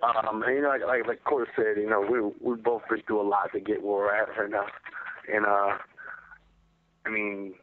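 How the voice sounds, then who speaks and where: A man's voice: on the low side, flat delivery, moderate pace. A man, a professional fighter, chatting casually and slangily as he answers questions on a media conference call over the phone. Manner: slangy, repetitive, conversational. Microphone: telephone. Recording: narrow phone line with faint noise.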